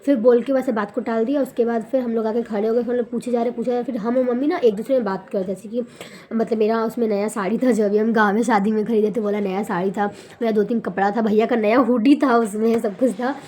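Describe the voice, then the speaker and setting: A young woman vlogger telling a long story in a casual, animated way, correcting herself as she goes. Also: a little high, quick pace. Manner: animated, rambling retelling with self-corrections.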